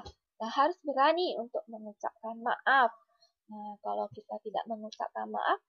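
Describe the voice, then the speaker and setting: Gentle, slightly gravelly teacher woman. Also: a little high, no room sound, lo-fi sound. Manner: gentle, repetitive, checking in with "oke?". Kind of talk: online lesson for young children.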